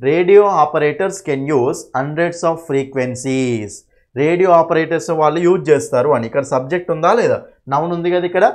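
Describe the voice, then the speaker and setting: A young man teaches English grammar for an exam. He goes step by step and keeps asking "okay?" to check that his students follow. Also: on the high side. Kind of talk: exam-prep grammar lesson.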